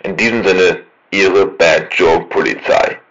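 A man voicing a stern male police emergency announcer who reads a formal warning, as if over a loudspeaker. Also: low voice, slow, muffled recording, full character voice. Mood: stern official.

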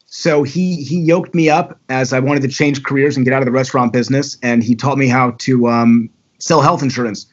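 A man's voice: mid-range voice, fairly even intonation, a little fast, highs cut off. A talkative man from the Baltimore area, telling his story candidly as a podcast guest. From Baltimore area, USA. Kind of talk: casual storytelling.

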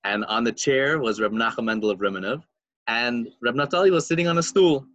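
A man telling a story in casual chat, animated and full of fillers, putting on voices for the people in it. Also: mid-range voice, a little fast, no echo.

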